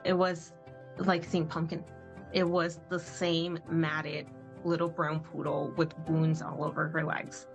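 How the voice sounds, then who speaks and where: Lower-voiced woman speaking heartfelt and halting. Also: flat delivery. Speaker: adopter. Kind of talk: news interview. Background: background music.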